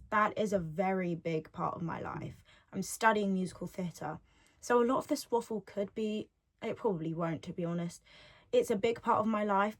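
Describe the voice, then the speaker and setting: Recording at home on a device's built-in mic rather than a podcast microphone, an eighteen-year-old woman runs a solo podcast. She chats and rambles loosely, frequently circling back to her own phrases, in a mid-range voice.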